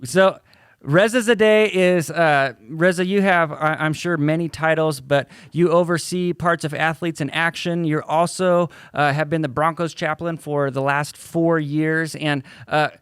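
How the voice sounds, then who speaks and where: A man co-hosting a church podcast in casual, animated chat, laughing often. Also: fairly high pitch, measured pace, smooth, no echo, clean studio sound. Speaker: podcast co-host.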